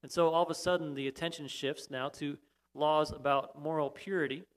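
A man's voice: fairly high pitch, steady tone, brisk. A man preaching a sermon, explaining steadily and pressing key points. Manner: explanatory, emphatic at times, with restarts. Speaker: pastor.

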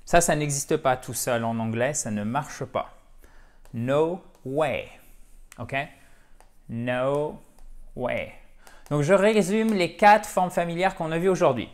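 A man's voice: a little high, takes it slowly, long pauses. Man teaching English slang. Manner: explanatory, repeats example phrases, lively asides. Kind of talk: video lesson at a whiteboard.

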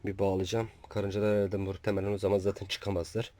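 Low-voiced man filming his farm. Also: completely flat delivery, fast talker, dark tone. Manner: chatty, talks to his birds, scolds and coaxes them. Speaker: small-farm vlogger. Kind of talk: casual farm vlog narration. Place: outdoors at a small backyard farm. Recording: outdoor farm with audible poultry noise. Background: chickens and roosters clucking.

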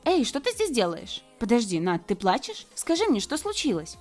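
A woman's voice: a little high, wildly swooping pitch, normal speed, a little mellow, soft background music. Woman voicing a jealous young boyfriend. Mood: worried. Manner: agitated and pleading.

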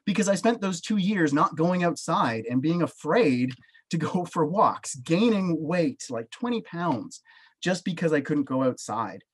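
Here a professor in his thirties with a Canadian accent speaks at a measured pace, his fairly high, slightly rough voice animated. As a panelist on a video call from his small home office, captured by webcam, he tells of his own experience earnestly and with emphasis, both hands gesturing.

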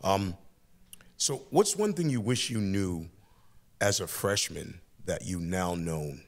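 Hosting a studio podcast, an older teacher interviews a student, speaking into a boom-arm studio mic. His voice sits low and sounds animated, and his pace is slow. He offers reflective, encouraging remarks in long sentences that flow on.

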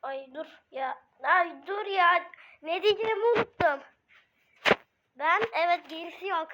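A woman who is sick and coughing, giving excitable, sarcastic casual commentary while playing a mobile game. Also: very high voice, measured pace, dull audio, slight background noise. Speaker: gamer streamer.

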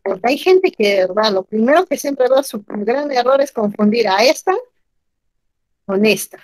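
A woman teaching grammar in an online class, animated and asking her students questions often. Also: a little high, moderate pace, no room sound, low-quality recording.

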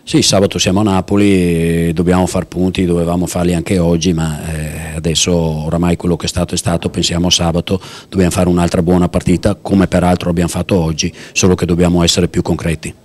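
Coach in his fifties, low flat voice, rapid firm post-match talk, dry handheld mic. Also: no echo. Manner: firm and frustrated, quick emphatic lists. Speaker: football coach. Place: in front of sponsor backdrop at a stadium. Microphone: handheld mic held by interviewer.

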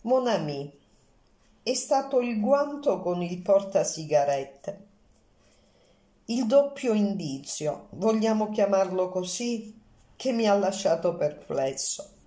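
A woman's voice: medium pitch, animated, slow, dark tone, reverberant. A woman reading Poirot, fussy and courteous. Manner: formal, polite, precise. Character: fussy, courteous middle-aged Belgian male detective.

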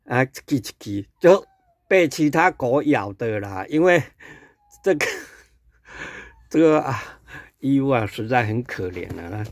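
A man's voice: medium pitch, lively intonation, slow pace, long pauses, no room sound. A man from Taiwan with a Taiwanese Mandarin accent, ranting sarcastically about politics in a casual vlog, full of fillers and repetition. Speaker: political commentator.

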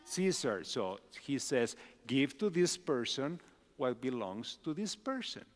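A man's voice: medium pitch, sing-song, takes it slowly. A middle-aged male pastor giving a children's message, asking the children simple questions. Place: large church sanctuary. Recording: long hall reverb.

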